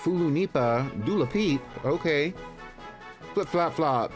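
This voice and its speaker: A man with a fairly high voice hosts a casual game stream. He talks in a chatty, friendly way, moving between greeting viewers and commenting on the game. Music plays behind him. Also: lively intonation, a little slow. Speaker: live game streamer, host.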